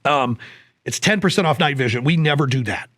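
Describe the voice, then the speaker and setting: A man co-hosting a casual chat podcast, his voice sitting fairly high for a man. He jokes, rambles and slips in sales plugs. The sound is close and dry, with no room around it. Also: expressive, fairly quick, fairly bright tone, dry recording. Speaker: podcast co-host.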